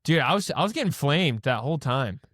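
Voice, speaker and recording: A man's voice: on the high side, brisk, no echo, clean studio sound. A man co-hosting a podcast in casual chat, telling stories with energy and acting out what people said. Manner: animated storyteller, acts out quotes; swears casually. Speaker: podcast co-host.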